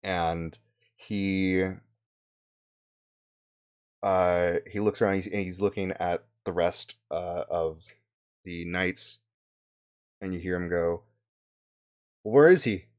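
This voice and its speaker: A man narrating as game master of a tabletop game, halting with many fillers. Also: sits low, little pitch movement, clean tone.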